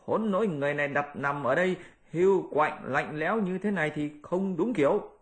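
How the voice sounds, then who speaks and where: A man doing a shrill cheeky monkey king. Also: normal speed, close to an everyday voice. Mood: bossy teasing. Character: boastful mischievous male monkey king. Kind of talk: audiobook character voice.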